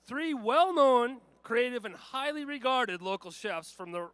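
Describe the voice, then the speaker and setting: A man's voice: extremely high pitch, a bit bright, clean tone, no echo. A man reading a prepared introduction to open a live expo contest. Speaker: event announcer. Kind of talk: scripted announcement.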